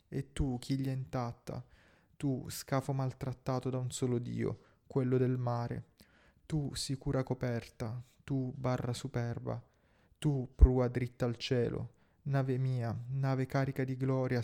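A man's voice: mid-range voice, dark tone, close to an everyday voice. A man voicing an obsessed, proud old sea captain in grand, declaiming speeches.

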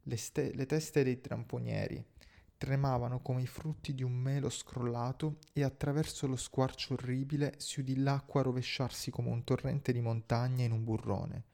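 A man reading a sea adventure aloud in steady scripted narration. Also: mid-range voice, normal speed, creaky.

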